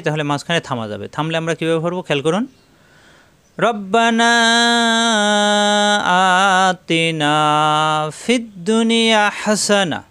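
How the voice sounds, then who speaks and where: A man teaching Quran recitation, spelling out each letter and vowel step by step, then chanting the verses slowly. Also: fairly high pitch, a bit bright, no room sound. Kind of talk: tajweed lesson with chanted recitation.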